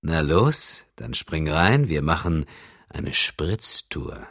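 A man voicing a calm, menacing killer in an audiobook thriller, speaking slowly and quietly. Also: a bass voice, vocal fry, slightly rough, dry recording, clean studio sound, exaggerated voice. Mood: cold. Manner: slow, quiet, measured menace. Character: cold, smooth male killer, calm and menacing.

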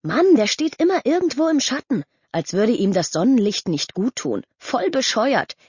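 A woman's voice: a little high, big pitch swings, normal speed, a little mellow, husky, dry recording, pitched above the performer's own voice, full character voice. A woman voicing a suspicious, mocking teenage boy who talks in scornful slang. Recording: dull lo-fi audio.

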